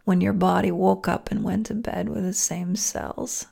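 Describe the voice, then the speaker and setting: A woman meditation teacher talks in an unhurried way, with a deep gravelly texture to her voice. Her tone is husky, and she often sinks into a soft, breathy whisper as she guides the listener. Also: level tone.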